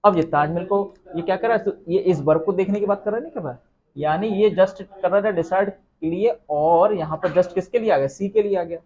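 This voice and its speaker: A man's voice: sits high, a little fast, darkish tone, dull audio. A man teaching English grammar in a classroom lecture, explaining step by step and asking the class questions, with an Indian accent.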